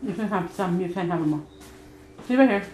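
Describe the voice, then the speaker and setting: A woman's voice: lowish voice, fairly quick, a little mellow, echoey room, a little hiss or hum. A woman hosting a casual eating-show vlog, chatting and joking while she eats. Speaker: vlog host.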